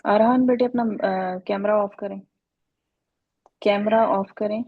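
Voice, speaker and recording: A woman's voice: medium pitch, steady tone, slow, breathy edge, no room sound, phone-quality sound. A woman teaching an Arabic grammar lesson online over a video call, patiently calling on students by name.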